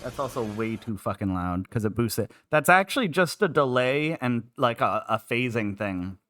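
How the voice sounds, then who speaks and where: A man's voice: medium pitch, lively intonation, moderate pace, fairly bright tone, no echo. A man streaming live, chatting casually while feeling sick, rambling with lots of filler words. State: unwell and queasy.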